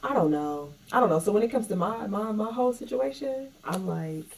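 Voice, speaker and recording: A woman yoga instructor talking in a loose, expressive way in a casual podcast chat, with some swearing. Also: mid-range voice, fairly quick, creaky. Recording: voice slightly distant from the mic.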